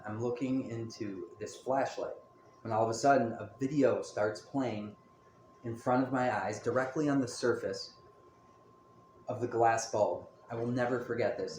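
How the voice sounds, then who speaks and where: A man's voice: medium pitch, echoey room, slight background noise. Man telling a candid, rambling story. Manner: candid, rambling, many fillers. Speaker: vlogger telling a personal story. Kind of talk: casual confessional monologue.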